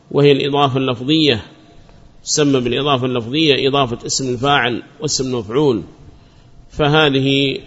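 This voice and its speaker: A man's voice: mid-range voice, fairly bright tone. A male teacher giving a classroom grammar lesson, repeating his points and quizzing students by name, praising their answers. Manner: repeats and restates points patiently. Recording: muffled lo-fi recording.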